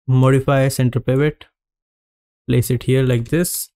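A man narrates a screen-recorded 3D modeling tutorial, calmly walking through each step with frequent pauses. His voice is medium in pitch, and the sound is clean studio quality with no echo.

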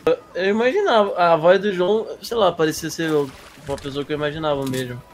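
A man's voice: on the high side, a little fast. A man with a Brazilian accent chatting casually on a game stream, mildly protesting and self-deprecating. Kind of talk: casual chat on a gaming stream. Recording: music playing behind. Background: music.

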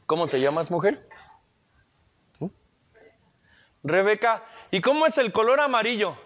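A man's voice: high-pitched, big pitch swings, measured pace, a bit bright. A man with a Mexican accent giving an emotional motivational talk at a recovery group meeting, earthy and full of coarse slang.

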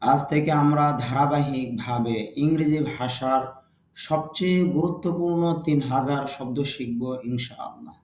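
A man with a Bangladeshi accent teaching English vocabulary, repeating each word twice with its meaning and stressing the English word louder. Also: medium pitch, normal speed, echoey room, a little hiss or hum. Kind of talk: slow, deliberate vocabulary lesson with repetition.

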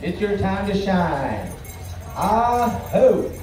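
A man with a fairly high, mellow voice announces as a powwow emcee. He is heard over a PA from a distance, with heavy echo around his words. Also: very animated, measured pace. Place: large open-sided tent at an outdoor powwow. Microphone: distant camera picking up PA. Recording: echoey PA from far off, background noise.

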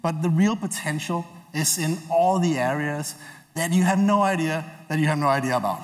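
A man in his forties giving a relaxed, hesitant conference keynote from a large stage, with many filler sounds. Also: fairly high pitch, moderate pace. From Denmark. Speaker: keynote speaker. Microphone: headset mic. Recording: long hall reverb.

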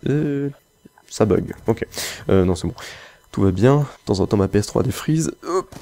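A man's voice: lowish voice, lively intonation, normal speed, mellow. A man chatting casually while playing a shooter, rambling with lots of fillers and breaking off to react to the game. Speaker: gaming video creator. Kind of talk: casual chat over live gameplay.

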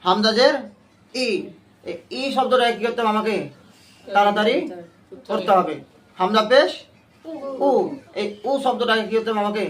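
A high-pitched male teacher leads a Quran reading class. He asks short questions over and over and waits for the students to answer in chorus. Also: a little fast, crowd noise. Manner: drills students with repeated questions. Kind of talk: call-and-response class lesson.

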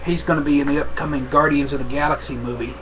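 A young man chatting casually to camera at home in an unhurried, halting, rambling way. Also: fairly high pitch, fairly even intonation. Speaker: vlogger, pipe smoker. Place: small room at home, indoors. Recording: dull webcam audio with faint noise.

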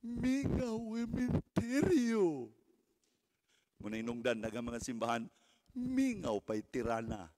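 A man in his seventies preaching a sermon as pastor, swinging from hushed murmurs to shouted exclamations and calling out for hallelujahs. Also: on the high side, huge pitch swings, slow pace. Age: 70s. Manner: calls for hallelujahs, mixes English phrases into preaching.

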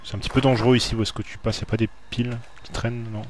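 A man's voice: mid-range voice, flat delivery, racing, a little hiss or hum. A man playing a horror video game and commenting live for viewers, jumpy and talking to the screen. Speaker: let's play gamer.

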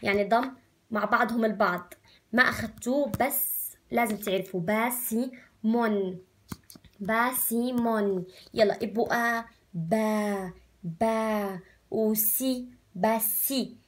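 A woman's voice: fairly high pitch, fairly bright tone. A woman with a Levantine Arabic accent teaching first graders, drawing out syllables and asking coaxing questions. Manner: slow drawn-out syllable spelling, coaxing questions. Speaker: primary school Arabic teacher. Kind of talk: recorded remote lesson for first graders.

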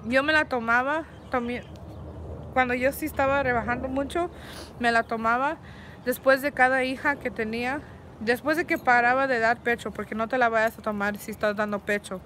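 Bright-voiced woman chatting outdoors. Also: fairly high pitch, steady tone, moderate pace, a little hiss or hum. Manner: switches between Spanish and English mid-sentence; chatty, restarts words often with filler ums. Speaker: vlogger answering viewer questions. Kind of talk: casual chat. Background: faint street and vehicle sounds.

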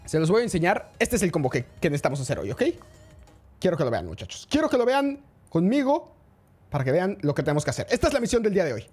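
Male gaming streamer, excitable and chatty, with a very animated, swinging pitch over faint background music. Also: fast talker. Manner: excitable, chatty, greets the chat often. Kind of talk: live-streamed gameplay commentary.

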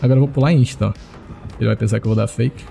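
A man streams a horror game, talking to his viewers and breaking into high-pitched yelps when he panics. His voice is gravelly and dark in tone, with a faint music bed playing under it. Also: fairly even intonation, racing. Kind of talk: live gameplay commentary.

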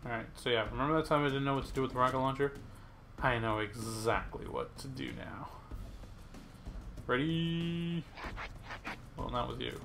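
A man's voice: mid-range voice, steady tone, quick pace, vocal fry, bright, forceful tone, a little hiss or hum. A man giving frustrated, self-mocking running commentary while playing a video game. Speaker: let's play gamer. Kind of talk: gameplay commentary.

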